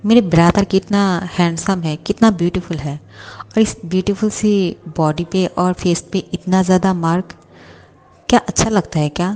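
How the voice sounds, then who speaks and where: A hot-tempered young boss pining for his secretary, firing off indignant questions, voiced by a woman reading a storybook. The tone sits fairly low and warm, with soft, mellow edges. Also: normal speed, lightly acted. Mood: angry.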